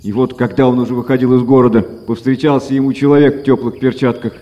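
A man's voice: medium pitch, fast, muffled recording. Man reading a fairy tale in an echoey room. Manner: lively, acted-out reading. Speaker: storyteller.

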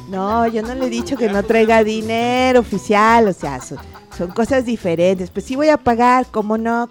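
A woman, a guest in an interview, telling a casual anecdote and acting out the voices of the people in it. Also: mid-range voice. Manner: animated, acts out the voices of people in her story.

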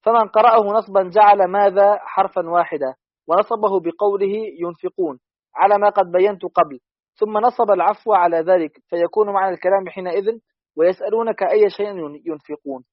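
A man with a high voice reads a classical text aloud at a fast clip, steady and even. The sound is dry and dull, like lo-fi audio. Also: no room sound. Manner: quick, steady recitation. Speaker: student reader.

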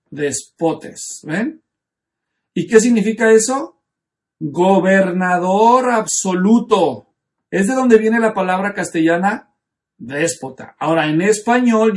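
A man with a high, creaky voice leads a Bible study class, walking through the text step by step. He explains as he goes and checks in by asking his students questions.

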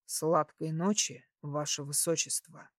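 A confident young prince with a lowered, intimate voice, as a woman reader puts him on for a storybook. He talks slowly, lingering on each phrase. The sound is close and dry. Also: expressive, dry recording. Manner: slow, lowered, intimate delivery.

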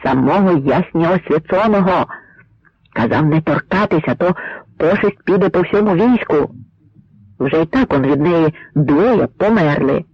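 A man's voice: on the high side, expressive, a little slow, slightly rough, no echo, full character voice. A man voicing a frightened but cunning old village man who pleads and whispers with a trembling voice, on a dry, slightly muffled recording. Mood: pleading.

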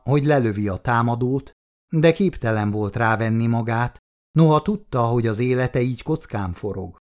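A man reading a thriller audiobook in a steady, mid-range voice. He keeps a measured pace and stretches the tense phrases for drama. Scripted narration throughout. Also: medium pitch.

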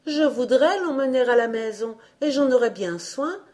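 A woman voicing a tender-hearted young girl from a storybook who pleads through her tears. The voice is lifted well above a plain speaking pitch. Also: expressive, moderate pace, darkish tone. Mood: pleading. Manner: pleading, tearful. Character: young girl, kind and tearful.

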